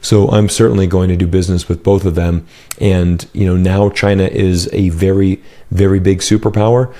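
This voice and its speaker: Man, from the United States, interview guest, low voice, warm dark tone, explanatory, lots of "you know", boom mic, home office. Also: level tone, normal speed. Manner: fluent, explanatory, frequent "you know" fillers. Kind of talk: casual interview answers. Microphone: headset and boom mic.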